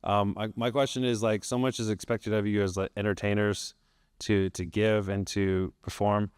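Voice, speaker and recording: Low voiced guy from the crowd asking a heartfelt question, smooth voice, dry mic, polite. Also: flat delivery, normal speed, darkish tone, no room sound. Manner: polite, sincere, a little hesitant. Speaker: audience member asking a question. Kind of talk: fan question at a panel.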